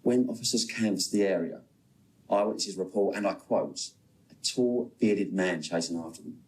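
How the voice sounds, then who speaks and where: Male actor: British police detective, low pitch, clipped briefing, dry and factual. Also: moderate pace, darkish tone, natural voice, low-quality recording. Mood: matter-of-fact. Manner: clipped, factual, dryly wry. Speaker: police officer. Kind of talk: TV crime drama dialogue.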